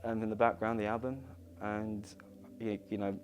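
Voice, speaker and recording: A man giving a halting personal account in a documentary interview, pausing and searching for words. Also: fairly low pitch, flat delivery, noisy background. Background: music playing softly.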